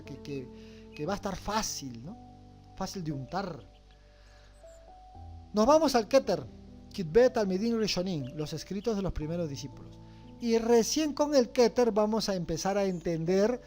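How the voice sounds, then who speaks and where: Teacher, mid-pitched, patient lecture style, keeps asking the class if they follow, faint music. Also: a little mellow. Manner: explains patiently, checks understanding with repeated questions. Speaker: religious studies teacher. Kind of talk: class lecture with rhetorical questions.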